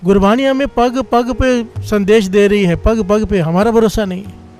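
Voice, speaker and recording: A man's voice: sits high, steady tone, a little mellow, soft background music. A man giving a Sikh sermon, telling a story and leading a repeated refrain. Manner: repeats a call-and-response refrain between points; chants scripture lines slowly. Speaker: Sikh preacher.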